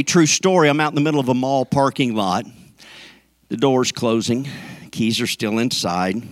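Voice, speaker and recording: A man's voice: medium pitch, no room sound, clean studio sound. A man preaching a sermon to his congregation, folksy and joking, swinging up into emphatic peaks. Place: church sanctuary.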